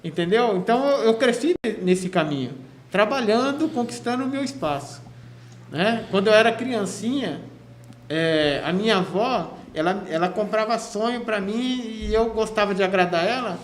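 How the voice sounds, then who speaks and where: A man's voice: sits high, expressive, moderate pace. A man from São state, telling his story as a guest on a radio interview, chatty, with many restarts. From Cubatão, São Paulo state, Brazil. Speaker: guest, physical education teacher. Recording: echoey room with faint noise.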